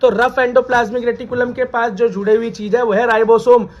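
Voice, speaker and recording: High-voiced Hindi-speaking biology teacher. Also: male voice, little pitch movement, brisk, muffled recording. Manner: repeats key terms as questions, calls students "beta". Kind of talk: classroom lecture.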